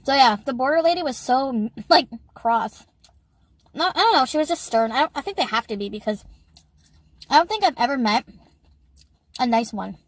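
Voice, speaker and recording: High-voiced, giggly woman vlogging. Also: expressive, moderate pace, pauses often, no echo. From Canada. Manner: chatty, giggles often. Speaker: YouTuber. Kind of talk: casual eating vlog.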